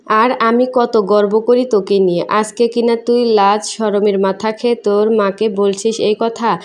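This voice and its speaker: A woman's voice: medium pitch, flat delivery, unhurried, natural voice. A woman reading a storybook voice of a stern middle-aged mother who scolds her daughter. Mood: indignant. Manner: scolding, indignant.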